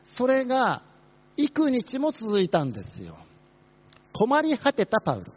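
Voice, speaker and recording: Male pastor, quick-tongued and animated, high voice, dull lo-fi recording. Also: husky. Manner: fast-talking, asks the congregation questions. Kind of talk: sermon.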